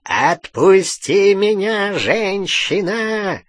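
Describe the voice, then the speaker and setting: A brutish werewolf with a hoarse, husky snarl, as a male narrator puts him on. He growls his words in a strained, raised voice, sullen and menacing. The recording is close and dry. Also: high voice, lively intonation, slow pace, a bit bright, dry recording, voice pushed up, full character voice.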